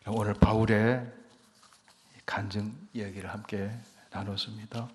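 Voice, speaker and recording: A middle-aged male pastor preaching a sermon, dropping to near-whispers and then rising to loud emphatic peaks. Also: lowish voice, level tone, a little slow. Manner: swings between hushed near-whispers and loud emphatic rises. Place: church sanctuary. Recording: long hall reverb in a church.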